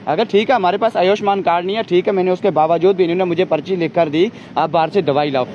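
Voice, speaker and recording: A father's high, darkish voice comes through dull lo-fi outdoor news audio with a little hiss or hum. In a distressed street interview, he urgently pleads and fires off complaints about how his sick baby is being treated.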